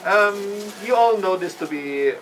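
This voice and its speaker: Slow-paced, higher-pitched male game master. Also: lively intonation, fairly bright tone, slight background noise, poor audio. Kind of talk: narrating a live tabletop game.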